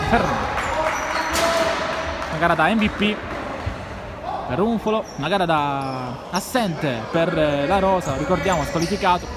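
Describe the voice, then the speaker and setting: A male sports commentator with a high-pitched voice. He calls a live futsal game and lifts his voice excitedly when there are goals. Loud sports hall noise and ball bounces surround him. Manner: excited, raised-voice goal calls.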